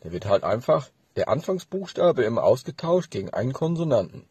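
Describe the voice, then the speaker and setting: A man in a jokey casual vlog, switching between high playful word-game syllables and low mumbled asides. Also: big pitch swings, a little fast, darkish tone, breathy edge, no room sound. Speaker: comedy vlogger.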